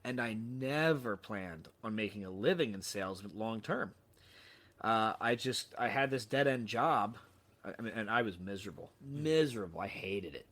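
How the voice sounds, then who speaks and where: A man's voice: lowish voice, lively intonation, normal speed, fairly bright tone. A man telling a story as a podcast guest, with lots of restarts, casual swearing and self-deprecating humor. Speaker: podcast guest, sales trainer.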